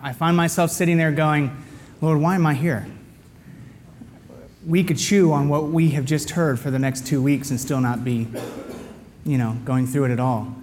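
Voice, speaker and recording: A man giving a candid, confessional personal testimony and prayer as a guest speaker at a men's gathering. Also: a little high. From United States. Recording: long hall reverb, faint background noise.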